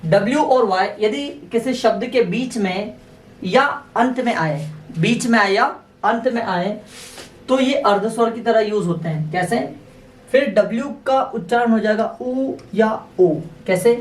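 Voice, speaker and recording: A man teaching a spoken English lesson, often addressing his viewers as friends and drilling words by slow repetition. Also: high-pitched. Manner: addresses viewers as friends, checks with "theek hai". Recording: roomy echo, mic at a distance, faint noise.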